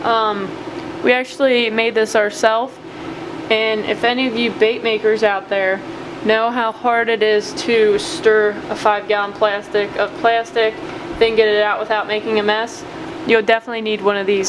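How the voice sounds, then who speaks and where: Working at her home workshop bench, a woman with a voice on the high side shows how she makes soft plastic fishing baits. Her casual tutorial is chatty, upbeat and full of fillers, with a noticeable air-conditioning hum behind her.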